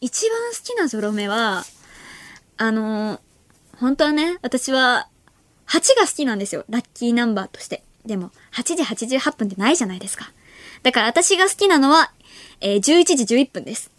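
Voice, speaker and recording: A woman's voice: high voice, fairly bright tone, no room sound. A woman in her late teens hosting a late-night radio show, chatting casually and reading listener mail, giggling often between remarks in a studio. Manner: chatty, playful, talks to listeners directly. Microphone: studio microphone.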